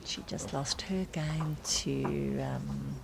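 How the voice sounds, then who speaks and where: A South African woman provides live sports commentary in a low-pitched voice. Noticeable ambient noise from the live event surrounds her as she talks. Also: flat delivery, drawn-out words, creaky. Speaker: commentator and club marketing organiser.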